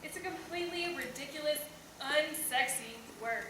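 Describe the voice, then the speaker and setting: Brief: young woman, high voice, wry comic stage monologue, echoey hall. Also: moderate pace. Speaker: stage performer. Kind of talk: comic theatrical monologue performance. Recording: echoey hall, far from mic, background noise.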